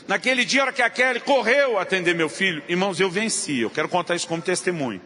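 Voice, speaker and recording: A man preaching to a church congregation, telling a humorous family story in an animated way. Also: high voice, fast. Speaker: pastor. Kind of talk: storytelling sermon. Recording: reverberant church hall, faint noise.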